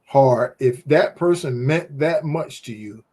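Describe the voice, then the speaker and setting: A man co-hosts a relaxed, faith-centered talk show, and his medium-pitched voice is slow and mellow. He talks with emphasis and animation, telling stories in a preachy way.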